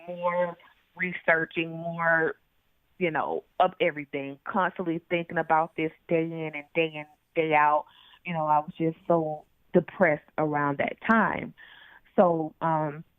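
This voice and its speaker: A woman's voice: deep voice, dry recording. A woman heard over the phone, telling her story as an interview guest in a hesitant way with many fillers. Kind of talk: personal story told in an interview. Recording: tinny phone line.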